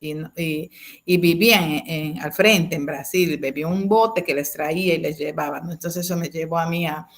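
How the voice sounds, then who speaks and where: A woman's voice: low-pitched, normal speed. Woman telling a teaching story. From Peru. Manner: storytelling, frequent hesitations and tag questions. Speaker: teacher sharing a testimony. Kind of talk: personal anecdote in an online class.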